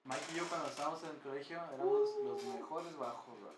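An easygoing man with a Mexican Spanish accent talking casually with friends. His voice is a little high for a man, and there is crowd chatter in the background. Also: wildly swooping pitch, fast talker. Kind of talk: casual chat.

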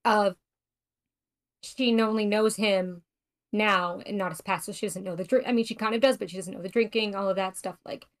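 A woman's voice: medium pitch, fairly even intonation, normal speed. A woman co-hosting a casual book podcast, thinking aloud in hedged, restarting sentences. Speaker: podcast co-host.

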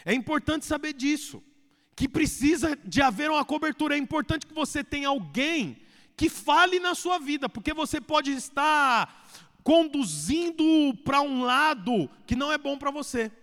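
A man preaching a sermon as pastor, swinging between loud and hushed delivery. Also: extremely high pitch, animated, moderate pace. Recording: echoey hall reverb.

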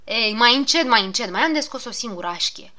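A woman's voice: fairly high pitch, animated, pushed and bright. A woman voicing a fussy, grumbling male gnome doctor who coaxes and scolds in a storybook reading. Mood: fussing. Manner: soothing then scolding, fussy.

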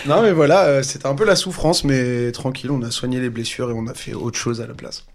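A man's voice: mid-range voice, fairly quick. A musician man chatting casually on a podcast and joking at his own expense. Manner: joking, self-mocking. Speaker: musician guest. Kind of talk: casual chat.

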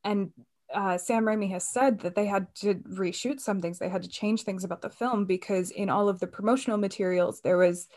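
A woman's voice: medium pitch, steady tone, a little fast, darkish tone. A woman in casual conversation about a film, chatty and loose, with many fillers and restarts.

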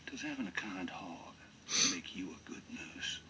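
An actor playing a courtly private detective in a film, questioning someone with cool, deliberate politeness. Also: male voice, sits low, huge pitch swings, background noise, exaggerated voice. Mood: coolly polite. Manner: coolly polite, probing, deliberate interrogation. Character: courtly, probing male private detective, genteel and theatrical. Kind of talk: film drama dialogue. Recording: muffled film playback with music behind.

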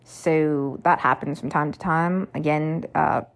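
Female podcast host, lowish voice, rambling casual delivery full of fillers. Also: fairly even intonation, unhurried, creaky. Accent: unplanned put-on accent when reading poetry. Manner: rambling, many fillers like "you know". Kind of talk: casual poetry reading and discussion.

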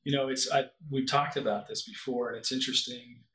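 Bright-voiced encouraging male host. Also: medium pitch, fairly even intonation, a little fast. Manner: affirming, encouraging interviewer. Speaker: podcast host. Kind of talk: interview conversation. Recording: roomy echo with faint noise.

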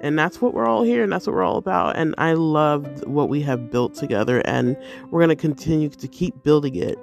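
A woman's voice: sits low, brisk, creaky, faint music behind. A woman hosting her own podcast as a life coach, talking casually in a bubbly, effusive way with many fillers, and sounding tired. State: tired, yawning.

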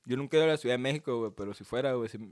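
A man from Sonora with a Sonoran Mexican accent, co-hosting a relaxed, slangy chat about anime. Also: medium pitch, racing, smooth, dry recording, studio quality. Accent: Sonoran Mexican Spanish. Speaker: podcast co-host.

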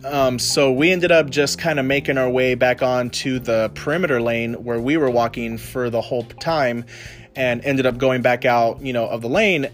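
A man, a military veteran, telling a personal story in a casual way, with lots of "you know" and swearing. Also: medium pitch. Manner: casual, heavy use of "you know" and profanity.

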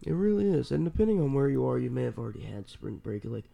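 A man's voice: mid-range voice, very animated, fast, gravelly, dark tone. A congested man co-hosting a podcast, chatting casually and telling stories. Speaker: podcast co-host. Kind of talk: casual chat.

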